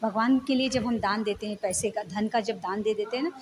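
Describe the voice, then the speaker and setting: A woman's voice: medium pitch, fairly quick, a little mellow, a little hiss or hum, low-quality recording. A woman giving a devotional lecture who tells a story and explains it, often asking her listeners questions. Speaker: spiritual lecturer.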